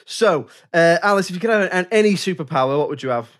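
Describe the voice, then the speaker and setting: A man's voice: high voice, animated, fast, a bit bright. A man, hosting a film podcast in casual chat and laughing often. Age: 30s. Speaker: podcast host.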